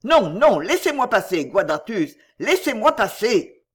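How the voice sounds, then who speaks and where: A man reading aloud, voicing a hot-headed young Roman man shouting in fury. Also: sits high, big pitch swings, unhurried, exaggerated voice. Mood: furious. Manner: loud, cursing.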